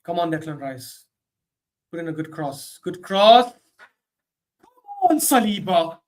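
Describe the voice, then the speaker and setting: Male streamer calling a match live; excitable reactions, drops low then bursts out loud. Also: normal speed. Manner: excitable, swings from low muttering to sudden shouts. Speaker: host of a football watchalong stream.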